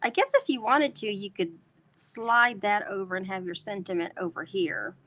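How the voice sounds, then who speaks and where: A woman's voice: mid-range voice, normal speed, a bit bright. A woman from North Texas with a Texan twang, hosting a chatty live craft tutorial and talking to her viewers as y'all. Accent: Texan Southern twang. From North Texas, USA. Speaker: host demonstrating card making.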